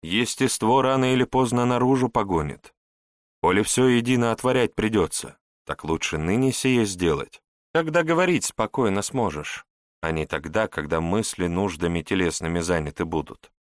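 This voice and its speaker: A man reading an audiobook, voicing a wise foreign adviser who speaks slowly and formally. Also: on the low side, lively intonation, no room sound, studio quality, lightly acted. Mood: measured. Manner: slow, measured and formal. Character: wise old Saracen male adviser.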